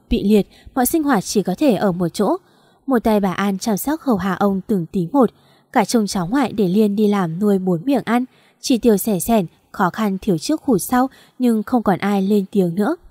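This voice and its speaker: Một người phụ nữ đọc truyện audio, giọng kể đều và giàu kịch tính. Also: female voice, medium pitch, dry recording, clean studio sound. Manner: steady, dramatic storytelling. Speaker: audiobook narrator. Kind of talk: scripted story narration.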